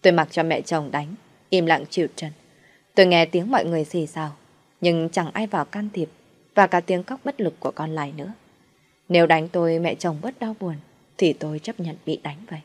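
A woman tells a dramatic family story in the first person, calm and measured. Her voice sits on the low side. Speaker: narrator.

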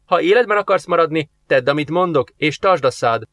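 A man's voice: fairly high pitch, expressive, a bit bright, dry recording, clean studio sound, pitched above the performer's own voice. A man voicing a stern, impatient young angel who talks in a curt, commanding way, read for an audiobook. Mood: scolding.

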